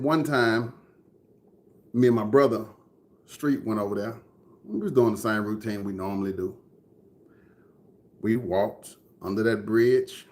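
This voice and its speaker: A Texan man in his thirties, from Dallas, telling a personal story earnestly to a live chat, often repeating phrases for emphasis. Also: lowish voice. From Dallas, Texas. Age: 30s. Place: indoors, room with air conditioning.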